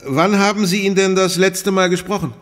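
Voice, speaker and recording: A man's voice: sits high, fairly even intonation, moderate pace, a bit bright, in a large hall. An actor playing a worried male professor of parapsychology in a horror audio drama. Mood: concerned. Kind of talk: horror radio drama dialogue.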